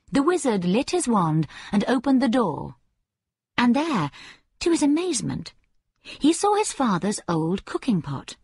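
A woman narrating a storybook tale in a slow, measured, expressive way. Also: medium pitch, slightly rough, dry recording.

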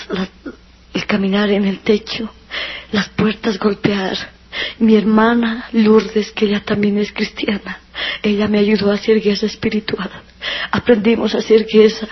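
A woman's voice: mid-range voice, husky. A woman giving a personal religious testimony, earnest and emotional, sometimes near tears, on a dull lo-fi recording.

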